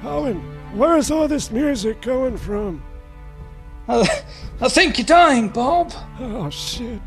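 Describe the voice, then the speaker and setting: A man's voice: extremely high pitch, expressive, slow pace, soft background music, pitched above the performer's own voice, heavily acted. A man putting on the voice of a doddering, querulous elderly man in joking improvised banter. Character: quavering grumbling elderly old man.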